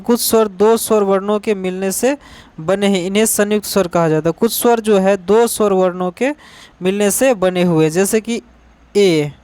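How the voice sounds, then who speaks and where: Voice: medium pitch, darkish tone, clean tone. A teacher walks through a grammar lesson aimed at exams, saying each definition twice and asking rhetorical questions before answering them. The voice is clean and resonant. It sits close and dry in the recording, with no room echo. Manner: spells out letters and examples slowly. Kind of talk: exam-focused grammar lesson.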